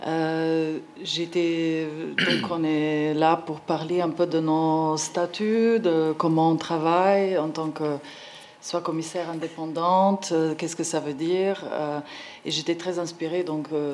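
A woman's voice: low-pitched, fairly even intonation, slow, darkish tone, slight background noise. Hesitant woman with a Slovenian accent. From Slovenia, former Yugoslavia. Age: 40s. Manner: hesitant, searching for words, stumbles on long words. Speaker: independent art curator, panel speaker. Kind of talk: informal conference talk.

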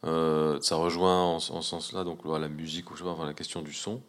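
A man's voice: very deep voice, flat delivery, brisk. A man in casual conversation, speaking reflectively with many hesitations and restarts.

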